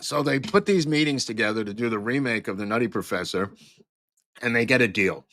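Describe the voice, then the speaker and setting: A man hosting a show, telling a long story in a rambling, halting way with many fillers and restarts as he talks to a live chat. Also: mid-range voice, a bit bright, no room sound, studio quality. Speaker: podcast host.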